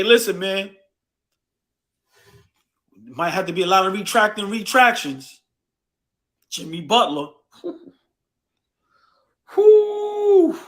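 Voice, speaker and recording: A man in his forties hosting a livestream, teasing and trash-talking loudly in casual chat, repeating himself. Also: high voice. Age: 40s. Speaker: livestream podcast host. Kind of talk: casual sports trash talk.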